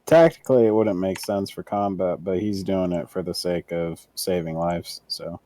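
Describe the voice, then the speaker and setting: A man's voice: sits low, moderate pace, mellow, dry recording. A man playing a tabletop game, laid-back and reasoning things out. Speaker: player. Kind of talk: casual table talk.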